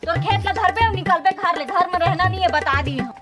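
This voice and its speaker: A woman's voice: extremely high pitch, a little fast. A woman with a Chhattisgarhi accent playing an exasperated, sarcastic village sister-in-law who nags in a broad comedy skit. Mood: fed up, scolding. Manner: nagging, sarcastic. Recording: loud music behind dialogue.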